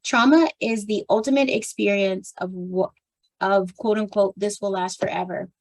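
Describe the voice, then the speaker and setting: Woman, tired strained voice, reading a book aloud, clears throat, restarts phrases. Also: medium pitch, fairly even intonation, moderate pace, darkish tone, low-quality recording. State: tired, voice strained from much talking.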